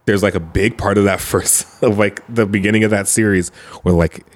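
Low-voiced man rambling casually. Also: steady tone, moderate pace. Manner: rambling, laid-back, with frequent "like" fillers. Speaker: podcast co-host. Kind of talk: casual chat.

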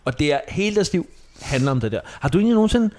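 Animated man telling stories. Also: fairly high pitch. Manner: animated storyteller, mimics people, laughs often. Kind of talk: casual chat.

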